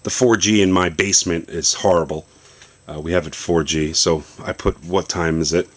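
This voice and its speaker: Deep-voiced male tech vlogger, easygoing explainer, talking through a gadget demo at home. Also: moderate pace. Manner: relaxed, explanatory, loosely rambling. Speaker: tech vlogger demonstrating a phone setup. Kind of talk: casual product demo. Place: home basement.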